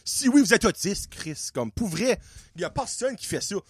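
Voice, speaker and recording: Animated Acadian man ranting. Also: sits high, moderate pace, breathy edge, no room sound. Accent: Acadian French. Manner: profane, sarcastic and exasperated. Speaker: podcast host. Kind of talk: casual comedic rant.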